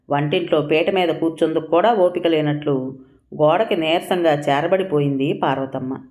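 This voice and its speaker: A woman narrating a story in a calm, measured reading voice. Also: low voice.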